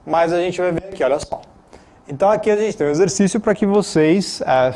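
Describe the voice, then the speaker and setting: A man's voice: a little high, darkish tone. Chatty Brazilian man teaching a lesson. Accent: Brazilian Portuguese. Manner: chatty, repeats filler tags, self-corrects. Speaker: studio English teacher. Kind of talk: classroom lesson, explaining. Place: TV lesson studio.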